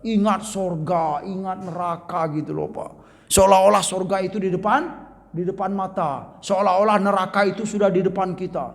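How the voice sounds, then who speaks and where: A man's voice: sits high, steady tone, normal speed, gravelly, in a large hall. A man teaching a mosque study session, reading Arabic phrases and explaining them conversationally, often addressing the men as "Pak". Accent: Indonesian. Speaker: religious teacher.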